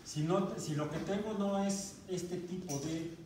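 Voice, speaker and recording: Male Mexican math teacher, a bit high-pitched, lecturing and quizzing the class; booming classroom echo, distant mic. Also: a little slow, a little mellow. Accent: Mexican Spanish. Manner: asks the class questions, restarts words. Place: university classroom. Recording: very echoey classroom recorded from far off, noisy.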